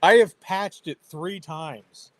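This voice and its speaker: Chatty dad telling parenting stories. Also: male voice, high voice, takes it slowly, background noise. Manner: animated storytelling with laughs. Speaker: host. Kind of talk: casual chat.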